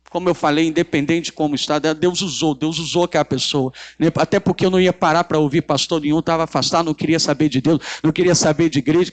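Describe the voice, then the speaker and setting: A man with a Brazilian Portuguese accent preaching a church sermon, emphatic and repetitive, drawing call-and-response from the congregation. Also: a little high. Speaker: pastor.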